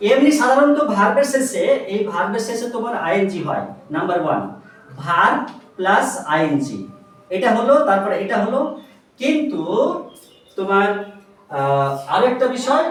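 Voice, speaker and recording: A patient tuition teacher leads a grammar lesson, spelling words out letter by letter and firing questions at the pupils. The voice rises and falls a great deal. It is recorded from across a small, very echoey classroom. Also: medium pitch. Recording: echoey room, mic far off.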